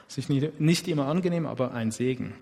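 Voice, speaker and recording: A man's voice: mid-range voice, quick pace, gravelly, a little mellow. Man preaching in an echoing hall. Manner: conversational, often asks "oder?". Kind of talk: sermon. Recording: long hall reverb.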